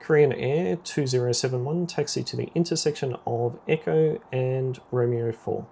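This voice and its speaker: A man playing air traffic controller in a simulator game, giving clipped, procedural radio commands in a creaky voice. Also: medium pitch, moderate pace, dark tone.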